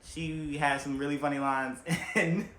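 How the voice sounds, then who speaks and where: A young man doing a comedic movie ranking, animated and jumping into loud, high shouted bits. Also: unhurried, roomy sound. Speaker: movie reviewer.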